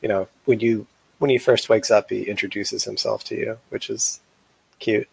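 A man chatting on a podcast in a relaxed way, with many fillers. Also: on the low side, moderate pace, gravelly, husky, dry recording, low-quality recording. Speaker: podcast co-host. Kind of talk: casual chat.

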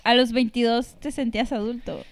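A woman's voice: on the high side, fairly even intonation, brisk, no room sound. A woman, a podcast guest asking curious questions. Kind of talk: casual chat.

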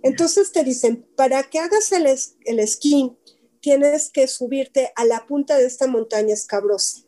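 Lady running a little workshop talk, asks the room stuff, repeats words a lot, high voice. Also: measured pace, mellow. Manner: chatty, asks listeners direct questions, repeats words for emphasis. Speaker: workshop speaker. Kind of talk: informal talk to a small group.

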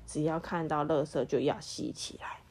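Mellow-voiced woman reading a picture book aloud. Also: low voice, moderate pace, slight background noise. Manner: animated, acts out sound effects and quizzes the child. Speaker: parent reading to her child.

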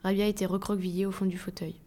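A woman reading a first-person novel aloud in a plain, even storytelling voice. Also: medium pitch, rapid-fire. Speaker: audiobook reader.

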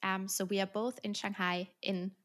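A woman's voice: medium pitch, little pitch movement, normal speed, a bit bright. A woman hosting a podcast from home, with an upbeat, scripted way of introducing the show and her guest. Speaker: podcast host.

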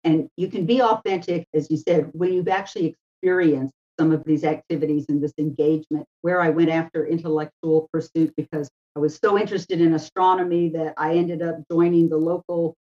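A woman's voice: low-pitched, fairly even intonation, a little fast, few pauses, mellow. A woman speaking as an interview guest in a conversational, anecdotal way. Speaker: interview guest, education adviser. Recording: slightly dull, lo-fi sound.

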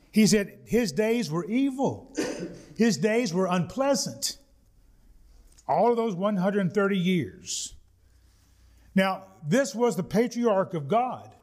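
A man preaching a sermon, reading scripture and telling folksy stories with slow, deliberate emphasis. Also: high voice, a little mellow.

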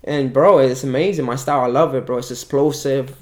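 A man's voice: medium pitch, steady tone, fairly quick, darkish tone. A self-assured, boastful man in a casual interview, talking in hyped frat-bro slang full of "bro" and "yo". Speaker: calisthenics athlete being interviewed.

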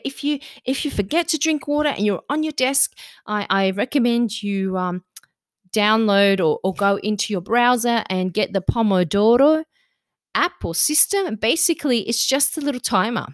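A woman's voice: mid-range voice, no echo, clean studio sound. A woman host giving casual diet and fitness advice in a conversational, instructive way, often posing questions and answering them herself. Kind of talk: casual advice monologue to listeners.

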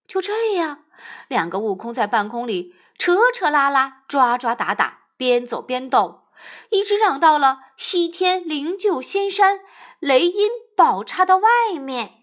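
A woman narrating a classic tale in a lively, expressive storybook reading. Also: sits high, a little slow.

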